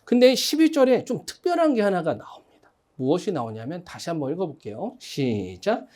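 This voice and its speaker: Pastor, sermon in a church sanctuary, conversational storytelling, questions the congregation, warm mellow voice, very lively pitch. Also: fast. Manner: questions the congregation and has them repeat phrases.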